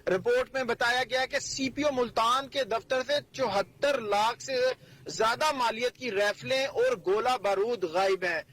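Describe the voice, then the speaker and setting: A man's voice: very high voice, fairly bright tone, rough recording. A man, a bureau chief reporting over the telephone and steadily reading out figures and official details. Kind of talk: news report read over the phone. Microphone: telephone line.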